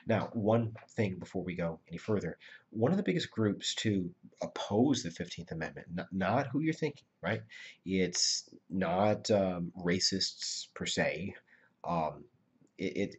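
A man's voice: sits low, breathy edge, highs cut off. A male history teacher giving a conversational classroom lecture, often checking in with "right?" and restarting his sentences.

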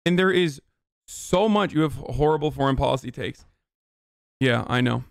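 A man in his thirties from Turkey, ranting bluntly and profanely as a political streamer in a heated livestream commentary, at home on a boom-arm studio mic. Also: moderate pace, creaky, no echo. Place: home room, indoors.

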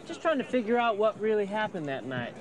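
High-voiced, folksy young country fellow. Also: male voice, very animated, a little fast, crowd noise. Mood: easygoing. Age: 20s. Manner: folksy, casual. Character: easygoing, plain-spoken young country fellow. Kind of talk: period film drama. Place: outdoor riverboat landing. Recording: noisy outdoor river landing.

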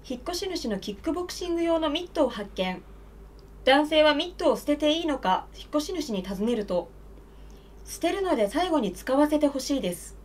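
Young woman, high voice, news anchor, formal scripted mock report. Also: slight background noise. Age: young adult. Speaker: comedy newscaster.

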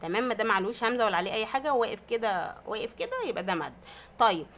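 Rapid-fire and fairly bright, this mid-range female voice belongs to a primary school teacher with an Egyptian Arabic accent. She walks young children through grammar with patience, answers her own questions, and stretches vowels to demonstrate long sounds.

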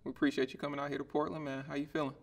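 A man in his thirties hosting a podcast interview, chatty and relaxed, laughing easily as he asks questions. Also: on the high side, rapid-fire, gravelly. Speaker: podcast host. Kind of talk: casual interview. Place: living room set.

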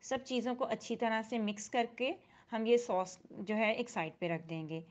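A woman hosting a cooking channel, talking calmly through a recipe step by step in a voice-over. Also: a little high, normal speed. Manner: calm step-by-step instruction. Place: voice-over, not recorded in the pictured kitchen.

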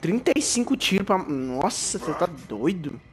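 A young man with a Brazilian Portuguese accent giving slangy let's play commentary, swearing freely and shouting in alarm when startled. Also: high-pitched, very animated, normal speed. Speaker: gaming YouTuber.

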